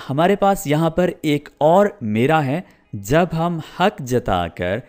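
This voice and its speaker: Slow, lively male English teacher. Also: medium pitch. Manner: slow, drawn-out model sentences between explanations. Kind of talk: spoken English lesson.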